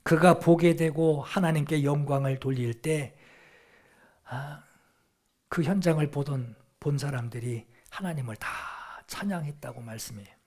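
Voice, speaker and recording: A male pastor preaching a sermon, moving between loud, emphatic scripture reading and low, hushed asides. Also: a little slow.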